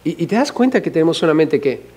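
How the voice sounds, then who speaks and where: A man from Mexico with a Mexican accent, a pastor preaching a humorous, animated sermon full of questions to the congregation. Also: fairly high pitch, fast, slightly rough. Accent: Mexican Spanish.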